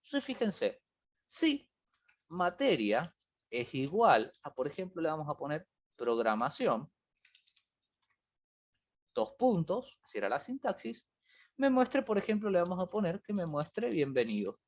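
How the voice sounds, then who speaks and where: A man's voice: a little high, big pitch swings, unhurried, long pauses. A man teaching a programming review class online, walking students through examples and checking in with them often. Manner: explanatory, repeats "fíjense" and "¿bien?". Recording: muffled lo-fi stream audio.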